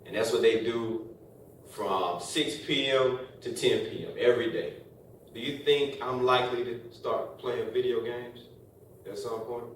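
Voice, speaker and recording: A man's voice: mid-range voice, a little slow. A man giving a joking motivational talk to college students in a classroom, tossing out rhetorical "right?" questions. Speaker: speaker addressing college students. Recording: very echoey room from a distance, faint noise.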